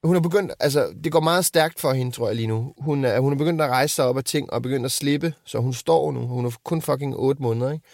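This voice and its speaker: A man's voice: mid-range voice, gravelly, hardly any pauses, a little mellow, no echo, studio quality. A man and father in casual chat, telling rambling anecdotes and swearing freely. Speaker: podcast co-host and father.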